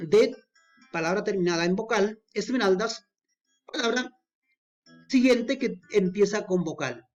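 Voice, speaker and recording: A woman's voice: mid-range voice, a little mellow. A woman teaching a lesson on poetic meter, explaining patiently with frequent fillers and worked examples.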